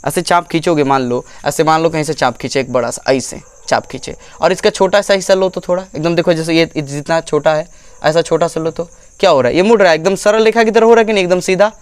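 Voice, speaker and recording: A man's voice: a little high, fast, smooth, dry recording. Repetitive, questioning male physics teacher. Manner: repeats phrases, keeps checking understanding. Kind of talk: classroom lecture.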